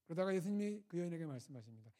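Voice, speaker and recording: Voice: mid-range voice, lively intonation, rapid-fire, dark tone. A preacher at a winter retreat, retelling a scripture story in a conversational way and putting rhetorical questions to the audience. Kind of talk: storytelling sermon.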